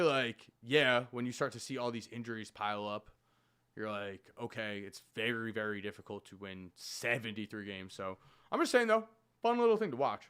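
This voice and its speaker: A man hosting a live reaction stream, talking excitedly and jumping between topics. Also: medium pitch. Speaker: livestream host reacting to news. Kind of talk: casual live reaction commentary.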